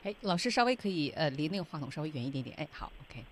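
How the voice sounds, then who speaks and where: A woman's voice: low voice, big pitch swings, very fast. A woman hosting a radio English lesson, chatting with the teacher and prompting him along. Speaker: radio host. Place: radio studio.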